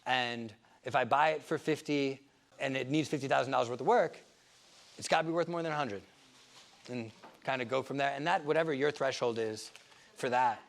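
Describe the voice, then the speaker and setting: A man's voice: medium pitch, lively intonation, a little fast. A man talking casually at a seminar as a real estate investor, conversational and rambling, full of fillers and restarts.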